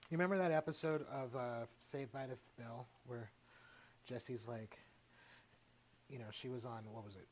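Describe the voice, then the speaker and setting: A man's voice: medium pitch, normal speed, long pauses, a little hiss or hum. A man hosting a casual cooking livestream, playful and chatty, talking straight to his viewers. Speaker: cooking show host.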